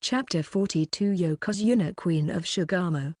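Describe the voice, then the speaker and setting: A woman narrating a light novel audiobook in an even, plain reading style. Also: lowish voice, moderate pace, no room sound, clean studio sound.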